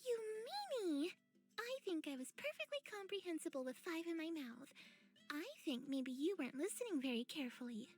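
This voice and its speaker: A woman's voice: high-pitched, sing-song, fairly quick, soft background music. A woman voicing a polite young woman on a date. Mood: playful. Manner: well-spoken, gently teasing.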